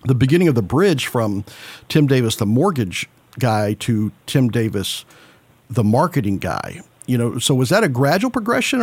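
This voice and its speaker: A man's voice: mid-range voice, a little mellow, breathy edge. A man hosting an interview, asking long rambling questions full of restarts. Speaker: podcast host. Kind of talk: casual interview talk.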